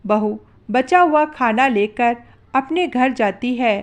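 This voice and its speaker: A woman narrating a devotional folk story slowly and plainly, with simple repetitions. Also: on the high side, expressive.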